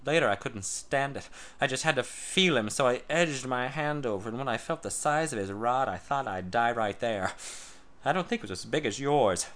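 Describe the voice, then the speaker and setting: A man reads a first-person story aloud in a medium-pitched, animated voice that is bright and forceful. His delivery stays measured and intimate.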